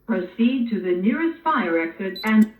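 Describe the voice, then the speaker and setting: A woman's recorded emergency announcement played over a fire alarm loudspeaker, giving measured, formal instructions. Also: mid-range voice, very animated, distant mic. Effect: played through a fire alarm loudspeaker. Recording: tinny alarm speaker heard from across a room, faint hiss.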